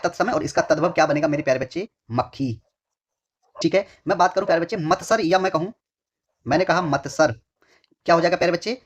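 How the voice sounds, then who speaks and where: A male exam tutor giving a lesson. He asks questions and answers them himself, repeats phrases several times, and keeps addressing his students affectionately. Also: on the high side. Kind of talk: online exam-prep lesson. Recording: dull lo-fi recording.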